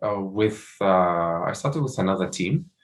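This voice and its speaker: A man's voice: low voice, animated, measured pace. A young man from Morocco, a startup founder, answering interview questions with many fillers and restarts.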